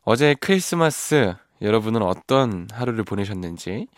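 His voice sits on the low side at a moderate pace, captured in a dry recording. Between listener messages on his live studio radio show, the ballad singer chats casually, relaxed and willing to laugh at himself, with guitar music faint in the background.

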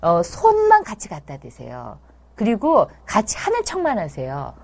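A woman's voice: medium pitch, moderate pace, vocal fry. A woman hosting a live parenting advice show, answering viewers' comments with a chatty, reassuring manner and acting out little scenes between parents and children. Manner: animated, playfully acts out parents' and children's lines; chatty and reassuring, addresses mothers directly. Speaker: child psychology expert and host.

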